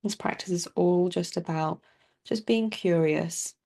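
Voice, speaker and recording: Here a woman with a somewhat low voice talks listeners through a body scan meditation. She takes the part of a teacher, soft and soothing, letting long, leisurely pauses fall between her words.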